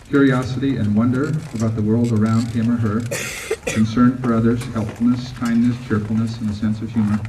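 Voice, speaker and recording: A man's voice: fairly low pitch, mellow. A man presenting awards at a school ceremony, reading formally from a script, captured on an old home VHS tape. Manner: measured, reads from a script. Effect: old home VHS tape recording. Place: school auditorium. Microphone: camcorder mic far from the stage. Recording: distant hall voice on noisy old VHS tape.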